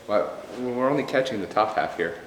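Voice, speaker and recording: A man's voice: mid-range voice, expressive, normal speed, slight background noise. A man playing a film director in a comedy sketch, who stammers and rambles eagerly. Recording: echoey room.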